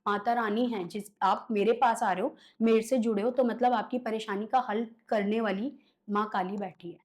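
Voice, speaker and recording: A woman's voice: on the high side, fairly even intonation, moderate pace. A woman guest telling stories in a conversational interview, animatedly acting out her clients' voices in quotes. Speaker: guest, occult healer.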